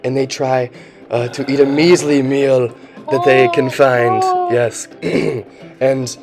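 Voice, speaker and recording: A young man co-narrating a parody nature documentary in a grandiose, mock-serious manner. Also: medium pitch. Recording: music playing underneath.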